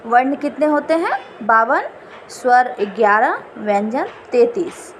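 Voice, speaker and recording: A woman teaching an exam-prep lesson, repeating each definition slowly. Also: a little high, expressive, a little hiss or hum.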